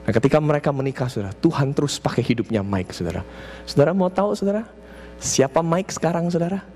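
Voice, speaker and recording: A man's voice: a little high, quick pace, faint music behind. A male preacher tells a story in a sermon to a church congregation. He keeps addressing them as brothers and sisters. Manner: animated storytelling with acted quotes. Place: church service.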